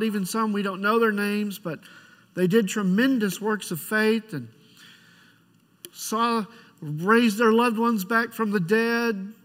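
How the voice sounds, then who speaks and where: A middle-aged man preaches in a notably high voice, his words ringing in a big, reverberant church. His delivery is conversational and pastoral, moving through the sermon with pauses and halting restarts. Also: fairly bright tone. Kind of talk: church sermon with personal storytelling and prayer. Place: large church sanctuary. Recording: church hall with long reverb.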